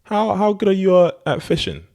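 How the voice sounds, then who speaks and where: A man voicing an eager rich businessman who is pitching a plan with persuasive enthusiasm. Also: a little fast, a little mellow.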